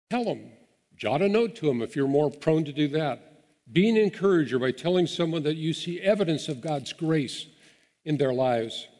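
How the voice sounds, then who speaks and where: A man's voice: on the high side, a little mellow. A man preaching a sermon as pastor, earnest and encouraging, with small restarts as he talks. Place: church sanctuary. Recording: long hall reverb.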